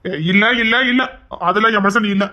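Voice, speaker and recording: A woman's voice: medium pitch, fairly even intonation, fairly quick, bright, forceful tone, close to an everyday voice. A woman voicing a proud, brusque husband in an audio drama, speaking in a grumbling, dismissive way. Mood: gruff, dismissive. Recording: dull lo-fi recording.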